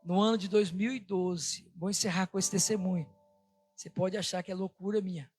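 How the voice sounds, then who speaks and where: A pastor preaching a sermon with a personal testimony, impassioned and fervent. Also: male voice, high-pitched, a little fast, husky, faint music behind. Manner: impassioned, rising to excited retelling.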